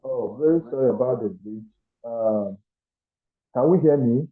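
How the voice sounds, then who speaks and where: A man's voice: mid-range voice, breathy edge. Guy on a glitchy call, audio cutting out, tinny line, keeps asking can u hear me. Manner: halting, many fillers, asks if he can be heard. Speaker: lecturer. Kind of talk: online class explanation. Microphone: video call.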